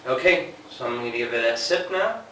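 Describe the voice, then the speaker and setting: A man casually reviewing a homebrew in a relaxed, unhurried way with plenty of fillers, recorded on a camera at a distance. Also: mid-range voice, slight background noise. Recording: echoey room, mic at a distance.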